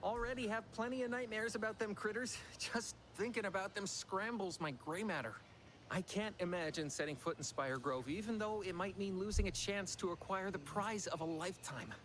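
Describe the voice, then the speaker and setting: A jittery corporate clerk from a video game, all folksy chatter and nervous schemes. His voice sits high and runs on quickly, with a faint hiss behind it. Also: a bit bright. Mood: scheming. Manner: folksy, fast-talking, jittery.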